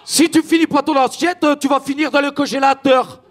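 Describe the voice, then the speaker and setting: A man voicing a furious working-class father from northern France, shouting coarsely with a Ch'ti accent. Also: very high-pitched, steady tone, fairly quick, some chatter behind, voice pushed up. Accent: Ch'ti (northern French).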